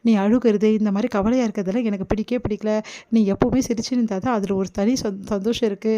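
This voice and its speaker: A woman voicing a young man who firmly reassures and comforts a crying bride, in a quick retelling. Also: medium pitch, steady tone, warm tone, natural voice. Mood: reassuring. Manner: firm, reassuring.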